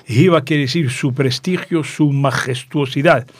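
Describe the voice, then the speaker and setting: An older man from Tangier with a northern Moroccan Judeo-Spanish accent is an interview guest, telling stories in a playful, rambling way and stopping to explain words. His voice is fairly high-pitched, with no room sound.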